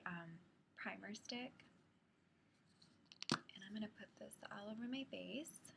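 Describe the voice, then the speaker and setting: Young woman whispering a makeup demo late at night, a bit stuffy from a cold; gravelly texture, faint hiss. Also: medium pitch, a bit bright. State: has a cold, sniffly. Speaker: beauty vlogger. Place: home at night, others asleep.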